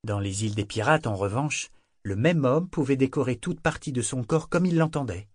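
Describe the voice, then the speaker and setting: A man reading a fantasy novel aloud in steady, scripted narration. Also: medium pitch, moderate pace, dry recording, studio quality. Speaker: audiobook narrator.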